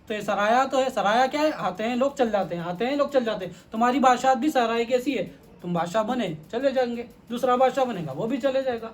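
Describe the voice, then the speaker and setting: A man's voice: very high voice, faint music behind, voice pushed up. A man voicing a wise holy man who patiently asks probing questions and explains, within a spoken story. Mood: instructive.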